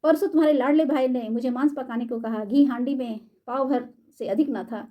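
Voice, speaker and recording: A woman's voice: sits high, a little fast, dark tone, natural voice. A woman voicing a proud young wife from a wealthy family who answers sharply and indignantly.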